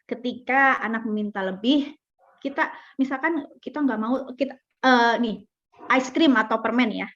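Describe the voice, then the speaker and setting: A young woman talks about parenting in a casual, chatty way. Her voice sits a little high. She slips in fillers and mimics children and parents. The recording is dull and lo-fi. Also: normal speed, fairly bright tone. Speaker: parenting speaker. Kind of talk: casual talk.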